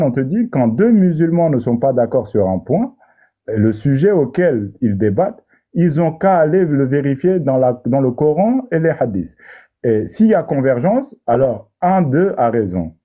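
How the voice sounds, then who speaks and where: A man holds forth in a heated online debate, preachy and sarcastic, tripping over and restarting his phrases. His voice sits at a mid pitch, and the audio is dull and lo-fi. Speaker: debater in an online discussion panel. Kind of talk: heated argumentative monologue.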